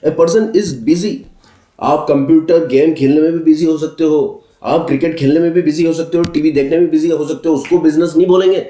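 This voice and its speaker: A male commerce teacher giving a recorded lesson, mixing English terms into his explanations, briskly repeating key terms as lists and calling students his children. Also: fairly high pitch, mellow, roomy sound, poor audio.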